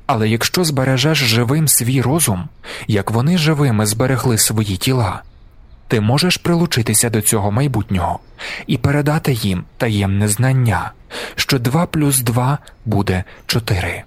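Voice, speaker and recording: A man narrating an audiobook in a measured, deliberate way, slowing down for emphasis. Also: medium pitch, animated. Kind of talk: scripted narration.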